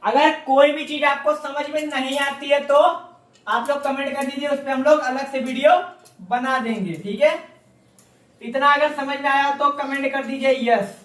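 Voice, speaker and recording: A man's voice: very high voice, steady tone, normal speed, a bit bright. A man teaching an online class, often asking a question and then answering it himself for learners to repeat. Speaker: Japanese language teacher. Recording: echoey room, mic far off.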